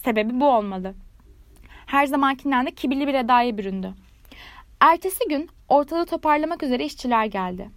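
A woman narrates a fairy tale with a measured, expressive storytelling delivery. Her voice sits high, and the recording is dry and close, with no room around it. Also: no room sound.

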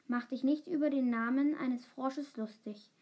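A woman's voice: high voice, a little slow, a little mellow. A woman reading aloud, voicing a hot-tempered schoolboy who is secretly in love. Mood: angry. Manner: gruff, then secretive.

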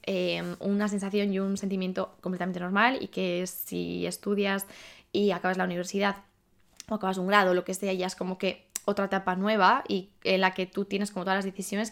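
A young woman in her twenties, from Spain, talking through her thoughts in a loose, unscripted podcast chat. She circles back on herself, drops in fillers and asks herself questions as she goes, at an everyday middle pitch. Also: creaky. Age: 20s. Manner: chatty, thinking aloud with many fillers and self-questions. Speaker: podcast host. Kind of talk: casual monologue.

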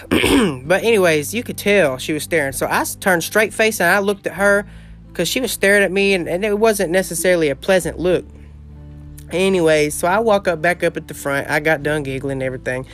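Sitting on his porch outdoors, a podcast host in his late teens from southeast Missouri spins a casual story in a gossipy, dramatic, exclamatory style. His voice is a bit bright and sits fairly high.

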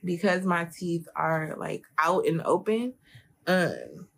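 Young woman, slight lisp, low voice, casual chat, lots of fillers. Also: very animated, slow, creaky. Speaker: co-host.

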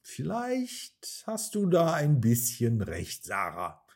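A man's voice: on the high side, huge pitch swings, takes it slowly, darkish tone, slightly rough, pitched above the performer's own voice, full character voice. A man voicing a small, anxious male pet monkey who keeps warning about dangers, in a storybook. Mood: thoughtful. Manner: worried, fretful warnings.

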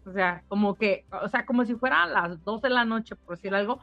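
A woman's voice: mid-range voice, a little fast, a bit bright, dry recording. A middle-aged woman, a spa owner, telling a personal testimonial in an emotional, repetitive storytelling manner. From Mexico. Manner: emotional storytelling, repeats phrases. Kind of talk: casual testimonial interview. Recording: dull lo-fi sound with faint music.

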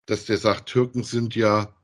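A man with a fairly low voice and little pitch movement co-hosts a casual podcast reviewing audio dramas. Unhurried yet emphatic, he shares opinions in colloquial terms and often asks for agreement.

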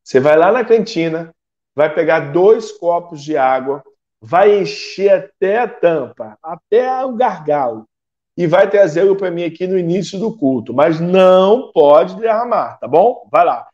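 A man as a calm wise pastor. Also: high-pitched, measured pace, muffled recording. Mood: patient.

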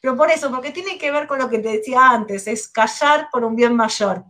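A fairly high-voiced middle-aged woman talks with a Rioplatense lilt over a video call. She speaks candidly, stopping and restarting her phrases as she goes. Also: normal speed, bright, forceful tone. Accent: Rioplatense Spanish. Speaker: guest, mother. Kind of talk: casual interview chat.

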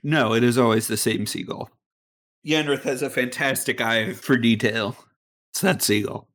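A man playing in a tabletop game podcast, joking in a deadpan way. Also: medium pitch, normal speed. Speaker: player. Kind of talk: casual tabletop game chat.

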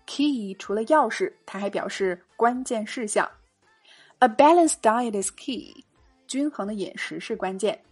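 A woman hosting a bilingual spoken English lesson, reading dialogues and slowly drilling pronunciation with a slightly husky voice. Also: medium pitch, soft background music. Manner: slow careful drilling of English sounds. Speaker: English teacher and podcast host.

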